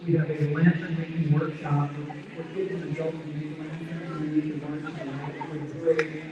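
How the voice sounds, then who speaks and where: A man's voice: on the high side, flat delivery, moderate pace, highs cut off. A man working as master of ceremonies, making live announcements to an event audience over a PA. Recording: echoey PA hall, distant mic, noisy.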